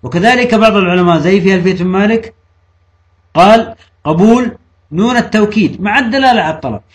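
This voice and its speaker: High-voiced man teaching grammar. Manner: asks the class questions and answers them himself; slows down to quote and stress examples. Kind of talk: classroom grammar lesson.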